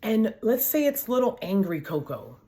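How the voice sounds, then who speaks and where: A lively woman life coach talks straight to her viewers in a casual vlog, her pitch swinging up and down as she goes. She is chatty and playful, often laughing at her own quirks. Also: normal speed. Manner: animated, chatty, addresses viewers as "y'all".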